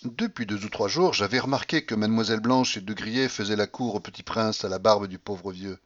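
A man narrating a classic novel as an audiobook, in a measured, expressive reading. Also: on the low side, dull audio. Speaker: audiobook reader.

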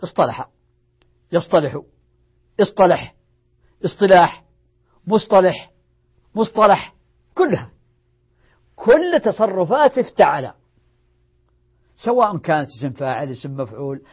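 In a dull lo-fi lecture recording, a sheikh teaches Arabic morphology in a high, slightly rough, sing-song voice at a measured pace with frequent pauses. He drills word forms, repeats each rule, and answers the questions he himself poses.

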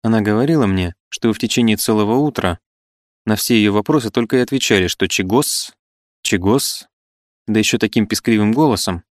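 A man reading the part of a genteel young married woman, polite and gently reproachful. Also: lowish voice, fairly quick, dry recording, studio quality, lightly acted.

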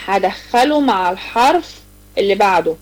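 A woman with an Egyptian Arabic accent teaching a live online tajweed lesson to girls. She explains each rule step by step, asks her students questions, and recites the examples slowly and drawn out. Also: mid-range voice, expressive, rough recording.

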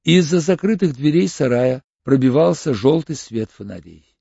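A man narrating an audiobook in a steady, even storytelling manner. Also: a little high, moderate pace, vocal fry, husky, no room sound. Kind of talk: scripted narration. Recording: dull lo-fi audiobook recording.

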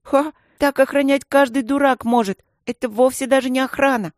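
A woman voicing a cocky, bossy schoolboy who boasts and shouts in a storybook. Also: high-pitched, fairly even intonation, moderate pace, no room sound, clean studio sound, voice pushed up, natural voice. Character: cocky loud schoolboy boss.

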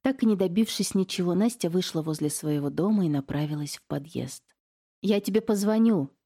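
Mellow-voiced woman narrating a detective audiobook. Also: deep voice, slightly rough. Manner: calm, firm and measured.

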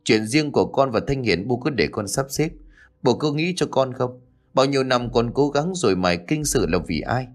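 A man's voice: medium pitch, animated, normal speed, lightly acted. A man voicing an ambitious young official who coaxes and insists. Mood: pleading.

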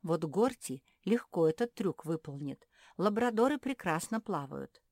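A woman voicing a calm, skeptical boy pug who talks in a flat, matter-of-fact way. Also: lowish voice, unhurried, no room sound, studio quality.

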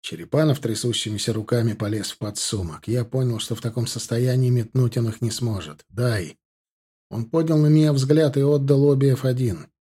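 This male audiobook narrator handles a first-person novel in a measured, steady way, using a slightly rough, mid-range voice.

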